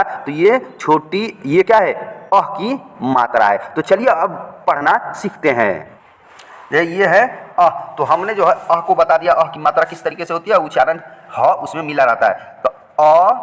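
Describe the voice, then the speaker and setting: Male teacher, slightly high voice, patient and repetitive, reverberant room. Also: a bit bright. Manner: patient, repeats each point slowly. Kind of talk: explaining letters at a board.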